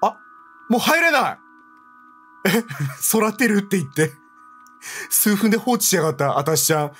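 A man's voice: high-pitched, sing-song, normal speed, a bit bright, slightly rough, soft background music. A man giving joking, self-mocking commentary on a horror game as he plays it. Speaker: game streamer. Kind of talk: let's play commentary.

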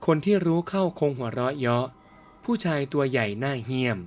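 A man narrates a ghost story in the first person, with a mid-range voice that is neither high nor low. His delivery is steady and even. Soft music and crickets sit quietly behind him. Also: fairly quick.

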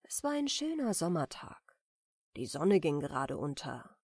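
A woman reads a bedtime fairy tale aloud, calm and expressive in her storytelling. Her pitch moves in a lively way. The sound is dry and close to the mic. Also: a little slow, slightly rough, no echo. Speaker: audiobook reader.

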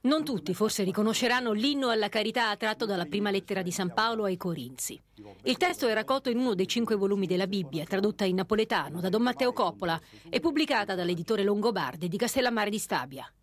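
A woman's voice: medium pitch, animated, quick pace. A woman reporter reading a scripted voice-over for a news feature. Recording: voice-over with clear background noise.

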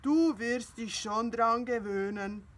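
A woman voicing a kindly, patient old farmer, speaking in a calm, soothing way while reading a storybook aloud. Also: on the high side, slow pace.

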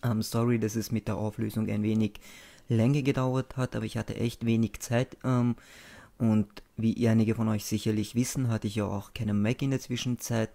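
A man's voice: lowish voice, flat delivery, normal speed, gravelly, warm tone. A young man narrating a screencast in a casual, informal and matter-of-fact way, as the host of a video channel.

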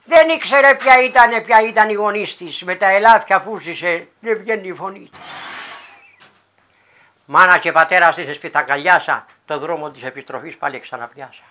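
Μια γυναίκα από τη Ρόδο με ροδίτικη προφορά αφηγείται παραδοσιακό παραμύθι με ομοιοκαταληξίες και δραματικές εναλλαγές έντασης. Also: female voice, fairly low pitch, sharp tone. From Laerma, Rhodes. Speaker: folk storyteller. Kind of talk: traditional folk tale telling.

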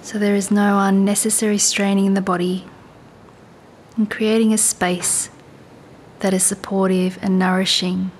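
A meditation and yoga teacher guides a body scan meditation, her manner calm, soothing, and unhurried with long pauses. A faint low rumble sits in the background.

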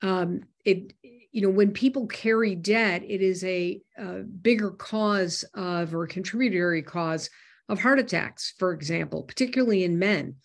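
A woman's voice: mid-range voice, moderate pace, vocal fry. A woman hosting a personal finance webinar, talking in a loose conversational way with frequent fillers and restarts. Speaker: host.

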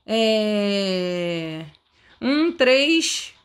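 A woman with a Brazilian Portuguese accent giving excitable let's-play commentary, full of dramatic exclamations and asides to her viewers. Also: medium pitch, drawn-out words. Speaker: gaming video creator.

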